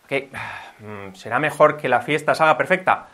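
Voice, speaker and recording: A man's voice: medium pitch, moderate pace, gravelly, pushed and bright. A man with a Spain Spanish accent, giving an upbeat, patient video lesson as a language teacher.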